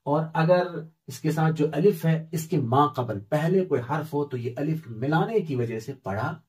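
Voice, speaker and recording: A man's voice: fairly high pitch, lively intonation, measured pace, darkish tone. A middle-aged man teaching Quran reading in a step-by-step lesson, patiently spelling out letters and vowel marks one by one.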